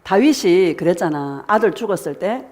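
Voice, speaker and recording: Lively-voiced woman pastor preaching. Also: on the low side, moderate pace. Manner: preaching with rhetorical questions and call-and-response; acts out voices of congregants in quoted prayers. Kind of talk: sermon.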